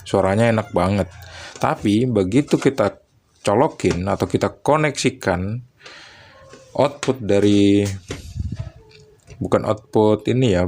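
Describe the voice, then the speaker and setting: A man with a fairly low voice talks viewers through audio gear in a loose, chatty way. He often stops to recall prices and details. Faint background noise hangs under the recording. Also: a little mellow. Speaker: electronics tech vlogger. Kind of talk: casual tech explainer.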